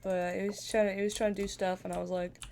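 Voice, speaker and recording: A woman's voice: mid-range voice, little pitch movement, fast, gravelly, a little mellow, slight background noise. Sniffly woman streamer, playful chat. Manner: chatty and playful, laughs often. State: sniffly, stuffy from a cold. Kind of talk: casual live-stream chat while gaming.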